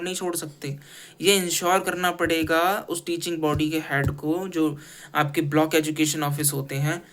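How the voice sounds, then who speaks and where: A man's voice: on the high side, fairly bright tone. A man from India giving an earnest, critical opinion piece in casual talk, restarting his phrases often. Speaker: commentator.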